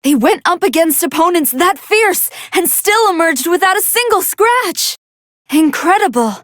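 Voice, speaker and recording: High-pitched Android 21, earnest scientist commentator. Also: female voice, lively intonation, a little slow, a bit bright, dry recording, studio quality, heavily acted. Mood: excited, admiring. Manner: articulate, earnest, formal scholarly phrasing. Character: brainy young female android scientist, polite, excitable, fighting hidden hunger. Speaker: fight commentator. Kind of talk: anime video game commentary.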